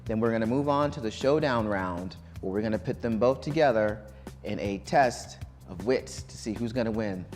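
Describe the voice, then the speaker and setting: A man's voice: fairly low pitch, moderate pace, faint music behind. Easygoing man hosting a quiz show. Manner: relaxed, loose, with many ums and restarts. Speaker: game show host. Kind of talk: casual live quiz show chat. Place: college broadcast studio.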